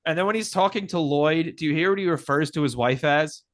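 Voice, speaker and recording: A man's voice: a little high, a little fast. A man co-hosting a podcast, wryly pointing out film details in casual chat. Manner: wry, nitpicky, points out film details and laughs. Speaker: podcast co-host.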